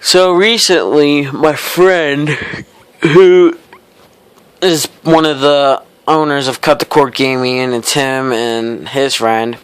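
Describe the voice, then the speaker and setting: A man's voice: mid-range voice, steady tone, takes it slowly, clear, resonant tone, dry recording. A teenage boy vlogging, telling a school story in a casual, rambling way full of "like". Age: teens. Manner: rambling, heavy use of "like"; laid-back, wry.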